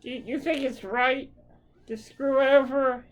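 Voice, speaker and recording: A woman's voice: high-pitched, fairly even intonation, unhurried, lo-fi sound. A woman hockey fan delivering an angry, profane rant straight to the camera.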